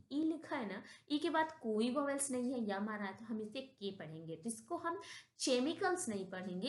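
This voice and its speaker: A woman with an Indian accent teaches English vocabulary at a slow, deliberate pace. She thinks aloud, asks rhetorical questions and corrects herself. Her voice rings in an echoey room. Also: fairly high pitch. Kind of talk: slow classroom-style explanation mixing Hindi and English.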